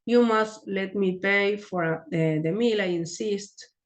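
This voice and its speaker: In a mid-range voice, a Rioplatense-accented woman teaches an English grammar lesson with patience. She keeps asking "¿sí?" to check understanding and says English words slowly and repeatedly as pronunciation models.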